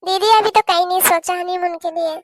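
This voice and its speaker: A woman voicing a meek, polite young newlywed daughter-in-law in a cartoon, talking softly and respectfully. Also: very high voice, steady tone, a little fast, no room sound. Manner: soft, respectful. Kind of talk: cartoon voice acting.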